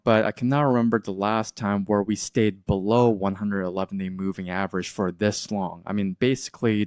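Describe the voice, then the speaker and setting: A congested man nursing a sore throat gives casual market commentary on his crypto channel, going over charts with frequent fillers and false starts. He speaks on the low side in a clean tone with no echo.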